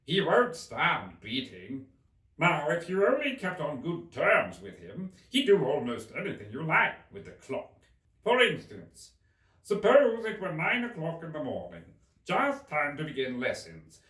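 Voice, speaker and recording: A man's voice: a little high, wildly swooping pitch, unhurried, a bit bright, voice pushed up, full character voice. A man voicing an eccentric, huffy and mournful male storybook Hatter, with an emphatic, theatrical and contemptuous manner. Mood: animated. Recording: roomy, distant microphone.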